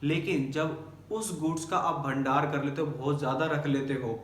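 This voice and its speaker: A man's voice: on the high side, steady tone, normal speed. Man teaching from a distance, echoey room. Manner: asks and answers his own questions; mixes English terms into Hindi. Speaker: accountancy teacher. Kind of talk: classroom lesson explaining terms. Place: classroom with a board.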